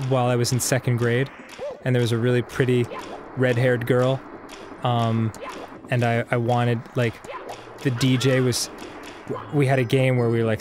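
A man's voice: medium pitch, background noise. Rambling man telling stories over gameplay. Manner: rambling storyteller, laughs often, mock-sings. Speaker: co-host. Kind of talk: let's play commentary, casual chat.

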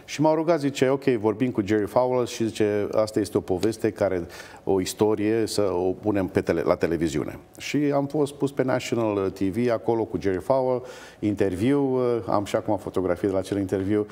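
Low-voiced man telling lively stories. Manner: animated anecdotes with hesitations. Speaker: guest, opera bass-baritone. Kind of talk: storytelling in a TV interview.

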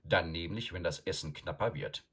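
A man voicing a grim, terse dwarf leader who talks in a gruff, growling way, in a very deep voice. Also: normal speed, fairly bright tone, exaggerated voice.

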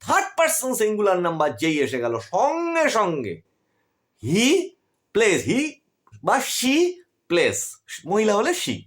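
Lively Bengali-accented man teaching grammar. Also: unhurried. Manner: lively, rises and drops sharply in pitch, asks questions then answers them. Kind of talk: online class lecture.

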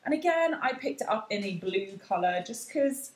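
A woman's voice: on the high side, lively intonation, moderate pace. A young woman in her twenties chatting casually through a fitness clothing haul at home, bubbly and upbeat. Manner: bubbly, chatty, lots of "super" and "like". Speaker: fitness vlogger. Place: living room at home, indoors. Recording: echoey room.

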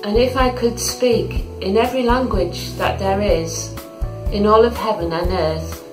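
Woman reading bible slow and careful, echoey room, music playing. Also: mid-range voice. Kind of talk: reading scripture.

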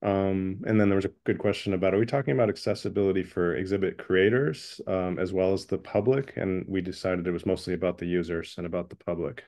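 A man reporting back from a breakout group in an online meeting, relaxed and full of fillers. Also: deep voice, quick pace, hardly any pauses. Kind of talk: meeting report-out on a video call. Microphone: video call.

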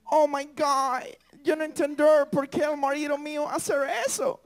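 Guy putting on a puzzled foreign widow, broken spanish, high tone. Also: completely flat delivery. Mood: bewildered. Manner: halting broken grammar.

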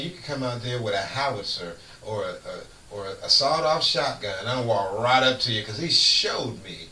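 A man's voice: mid-range voice, pushed and bright, far from the mic. Folksy preaching man, roomy off-mic sound. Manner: preachy, folksy, emphatic, laughs often. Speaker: radio host. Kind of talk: casual faith talk. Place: radio studio. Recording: roomy studio, off-mic, faint hiss.

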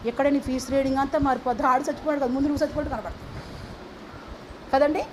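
A woman's voice: sits high, fairly even intonation, very fast, a little hiss or hum. A middle-aged woman preaching a sermon, pressing her listeners with rhetorical questions and call-and-response.

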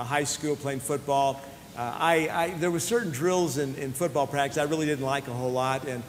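Earnest man telling stories in a reverberant hall. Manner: earnest storyteller with frequent restarts and fillers. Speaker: speaker addressing athletes. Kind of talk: faith-based motivational talk with personal stories. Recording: long hall reverb with faint low rumble.

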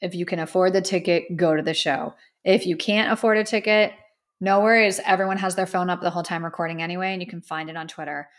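This is a native English-speaking podcast host, a woman in her thirties from the US, recording alone in a studio with a plain backdrop. She speaks fast, with a fairly low pitch and fairly even intonation, voicing her views in an earnest, emphatic, chatty way.

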